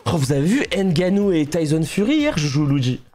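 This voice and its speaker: A man's voice: on the high side, sing-song, a little fast, mellow. A young man from France chatting casually on a live stream while playing a game, telling stories and laughing often.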